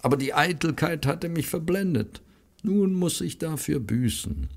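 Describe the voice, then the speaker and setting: A man's voice: on the high side, lively intonation, unhurried, gravelly, voice pushed up, heavily acted. A man voicing a frail, tearful sick woman. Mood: remorseful. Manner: tearful, pleading. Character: sick grey-haired woman, remorseful and grateful.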